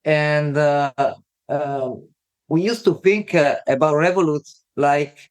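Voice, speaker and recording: A woman's voice: deep voice, slow, a little mellow. A woman with an Italian accent, a guest on a podcast interview, speaking hesitantly with frequent fillers. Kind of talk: casual interview.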